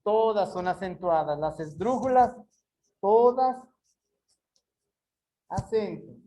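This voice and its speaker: A woman's voice: mid-range voice, animated, measured pace, mellow, poor audio. A woman teaching an online class, explaining patiently and drawing out words syllable by syllable. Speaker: Spanish teacher.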